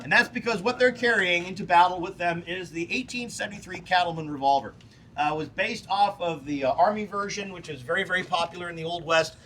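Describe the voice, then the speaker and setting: A man working as a tour guide and historian, telling animated stories with playful asides outdoors on a film set. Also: sits high, fairly quick, recorded from a distance, poor audio. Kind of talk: guided tour talk to a small group.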